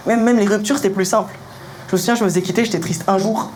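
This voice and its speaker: A young man performing punchy stand-up comedy in colloquial, slangy language, telling animated stories and acting out dialogue. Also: sits high, rapid-fire. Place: live comedy venue. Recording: live show recording with clear noise.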